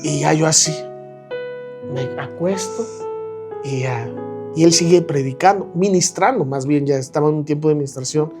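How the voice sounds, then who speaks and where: A man with a Mexican accent, a podcast guest telling his personal testimony in a casual, animated way, acting out the voices of the people in his story and laughing at himself. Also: a little high, moderate pace, over music.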